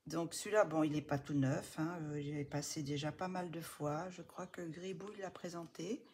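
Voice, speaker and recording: A woman's voice: low voice, normal speed. A woman chatting casually as she shows coloring books, often dropping to a near whisper and gushing over the pages. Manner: soft-spoken, often drops to a near whisper, many fillers. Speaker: coloring book vlogger. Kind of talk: casual show-and-tell chat.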